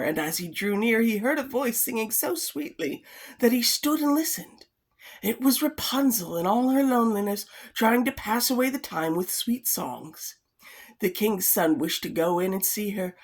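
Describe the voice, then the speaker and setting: A woman reading an old fairytale aloud in a casual way, breaking off now and then for wry comments. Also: medium pitch. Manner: chatty, adds wry comments between passages. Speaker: storyteller.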